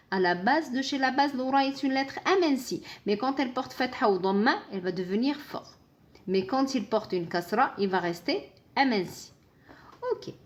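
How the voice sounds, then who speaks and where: A woman teaching a live online Arabic pronunciation lesson in French, playing out little dialogues between the letters and herself. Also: fairly high pitch. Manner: acts out dialogues with letters, slow and patient explanations.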